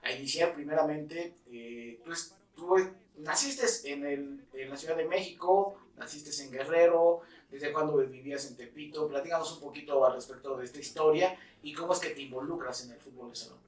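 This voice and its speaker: A man's voice: fairly high pitch, normal speed, few pauses, a little mellow, echoey room, recorded from a distance, rough recording. A man from Mexico hosting an interview, asking friendly conversational questions. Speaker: host, interviewer. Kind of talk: casual interview.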